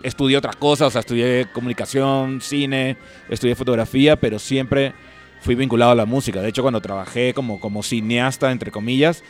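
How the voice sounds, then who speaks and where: A young man from Ecuador, chatting as a musician guest in a relaxed, rambling way full of fillers. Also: medium pitch, fairly quick, soft background music. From Guayaquil, Ecuador. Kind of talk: casual interview chat.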